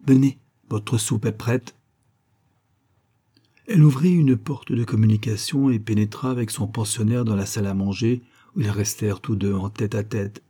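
A man narrating a novel in a measured, even reading. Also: lowish voice, husky. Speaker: audiobook narrator. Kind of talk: literary audiobook narration.

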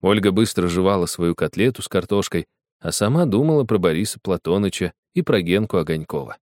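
A man narrating a children's story aloud, expressive and acting out the dialogue. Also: deep voice, brisk, no room sound, studio quality. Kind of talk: audiobook storytelling.

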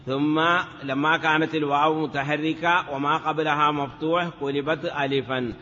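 Speaking at a moderate pace in a sharp, high-leaning voice with little pitch movement, a male Arabic morphology teacher runs a sing-song drill of word forms in a classroom lecture. He says "yes" often between steps, and the recording is dull and lo-fi with long reverb.

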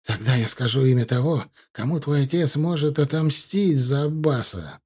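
A man voicing a frightened old villager who pleads in high, strained cries. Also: animated, moderate pace, a little mellow, slightly rough. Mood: desperate pleading.

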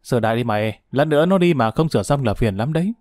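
A man's voice: medium pitch, expressive, quick pace, a little mellow, no room sound, clean studio sound, lightly acted. A man playing a bossy airman chief who scolds and pushes, in a storybook reading. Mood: scolding. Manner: scolding, pushy.

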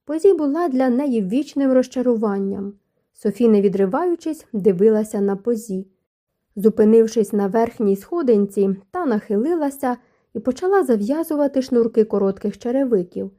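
A woman narrating an audiobook in an even storytelling manner. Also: on the high side, moderate pace. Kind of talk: scripted narration.

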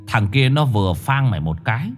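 A man voicing a calm dog that explains things in a lowered voice. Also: measured pace, faint music behind, heavily acted.

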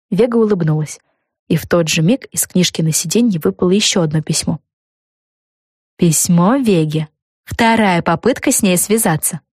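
A woman narrating a children's storybook in a calm, even way. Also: fairly low pitch, no echo, clean studio sound. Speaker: audiobook narrator.

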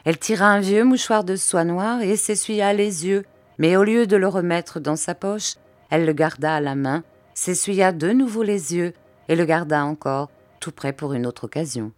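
A woman narrating a classic novel in a measured, expressive reading style. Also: lowish voice, no room sound. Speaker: audiobook reader. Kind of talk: storybook narration.

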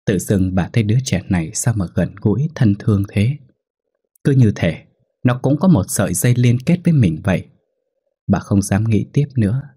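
Low, husky storyteller man. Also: mellow. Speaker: narrator. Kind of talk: scripted ghost story narration.

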